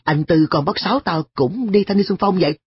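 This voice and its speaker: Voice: medium pitch, fairly quick, husky, no room sound, muffled recording, pitched above the performer's own voice. A reader doing an earnest scolding schoolboy. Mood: arguing. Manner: sharp, exasperated questioning. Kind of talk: audiobook dialogue.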